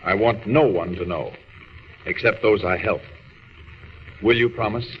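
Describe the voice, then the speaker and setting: An actor playing a noble, earnest alien superhero in a solemn, formal 1940s radio style. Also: male voice, lowish voice, measured pace, lightly acted. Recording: muffled, noisy, reverberant vintage radio recording.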